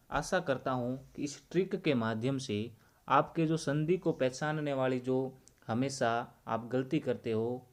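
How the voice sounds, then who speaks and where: A man teaching Hindi grammar to students. He explains slowly and deliberately and repeats the key points. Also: mid-range voice, darkish tone.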